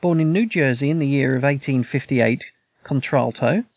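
A man's voice: mid-range voice, normal speed, no room sound, close to an everyday voice. A man reading the lines of a coolly detached, languid detective with dry, clipped remarks in an audiobook story. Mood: musing.

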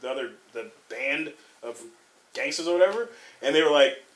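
A man's voice: a little high, animated, moderate pace, fairly bright tone. A man in casual chat among friends, ranting with lots of profanity. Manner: ranting, profane, exasperated retelling. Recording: echoey room, faint background noise.

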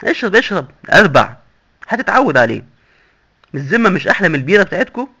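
A man's voice: sits high, sing-song, very fast, bright, forceful tone, breathy edge, exaggerated voice. A man with an Egyptian accent voicing a boastful, sly male doctor in hell who lectures glibly and mockingly. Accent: Egyptian Arabic. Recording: dull lo-fi recording.

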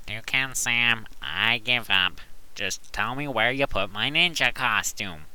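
A man's voice: mid-range voice, slow, pushed and bright. A man playing a grumpy, indignant scriptwriter, complaining in exasperation in a comedy audio drama. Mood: exasperated. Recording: hissy, echoey room recording.

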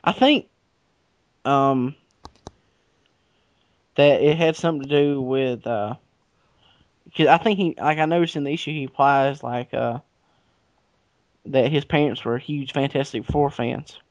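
A man's voice: mid-range voice, measured pace, pauses often, no echo. A man casually chatting about comics with a friend, rambling and joking with lots of fillers. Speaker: comic book podcast co-host. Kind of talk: casual chat.

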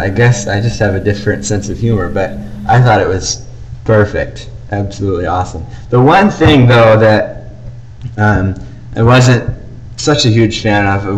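A man co-hosts a casual fan podcast, gushing enthusiastically about things he likes. His voice is fairly low and moderately paced, and the amateur recording is noisy.

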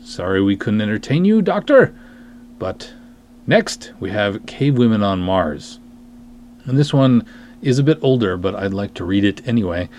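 This podcast host speaks at a moderate pace in a fairly low, sing-song, somewhat mellow voice. As a writer and director, he chats wryly and self-deprecatingly, then reads reviews aloud with dramatic emphasis. A little background noise is present.

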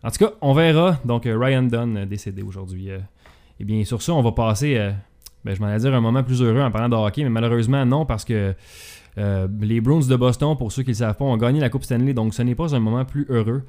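A man's voice: medium pitch, fast talker, dark tone. A man with a Québécois accent hosting a casual talk show, hesitant and full of filler sounds. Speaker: podcast host. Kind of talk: casual chat.

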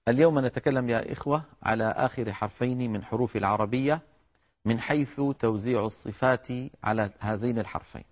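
A middle-aged man teaching the articulation of letters in a measured, explanatory lecture, addressing his listeners as brothers. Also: medium pitch. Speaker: Quran recitation teacher.

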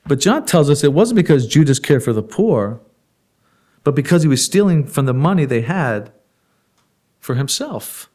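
Lively conversational male preacher. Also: on the high side, normal speed, pauses often. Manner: conversational preaching with rhetorical questions and soft laughs. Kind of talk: sermon.

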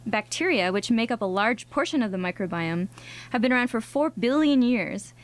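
A woman co-hosting a science radio show in a studio, explaining things conversationally in a bright, curious manner. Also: fairly high pitch, animated, moderate pace. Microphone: studio microphone.

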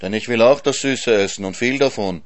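A man's voice: medium pitch, brisk, lightly acted. A man voicing a greedy, moaning male hyena in a storybook reading, with a plaintive, pleading tone. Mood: wheedling.

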